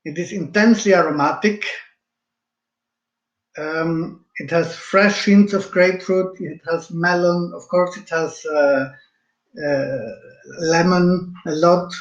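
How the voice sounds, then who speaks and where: A man from Switzerland presenting a wine in an online seminar, speaking calmly with frequent fillers over a video call. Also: fairly high pitch, slow pace. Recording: roomy, dull video call audio.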